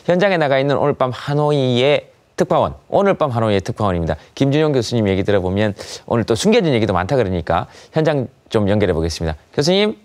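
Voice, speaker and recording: A male talk show host conducts a live interview. His pitch swings widely as he speaks, and his conversational delivery has a jocular, teasing edge. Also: animated, fast, few pauses.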